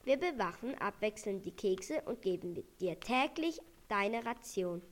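A woman's voice: mid-range voice, animated, measured pace. A woman voicing a firm, sensible female reindeer in a storybook, scolding but fair. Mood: encouraging.

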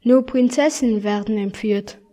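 A woman voicing a skeptical, reluctant schoolboy in a read-aloud storybook. He talks slowly and in a doubtful, matter-of-fact way. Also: a little high, dark tone, natural voice. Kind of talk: storybook reading.

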